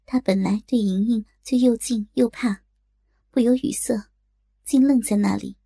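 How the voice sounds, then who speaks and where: A woman narrates a martial-arts audiobook at an even, storytelling pace. Her voice sits a little high but sounds warm, gravelly and husky. The recording is dry and close. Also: measured pace, no echo. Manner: steady, storytelling delivery.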